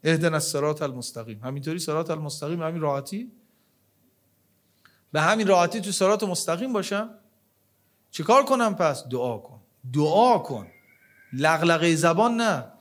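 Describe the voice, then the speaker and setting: A man with a fairly high voice delivers a religious sermon. He turns questions loud and urgent, then drops to a hushed, low murmur for prayers. Arabic verses and invocations run through his preaching. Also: expressive, long pauses. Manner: dramatic swings between loud emphatic questions and low hushed lines.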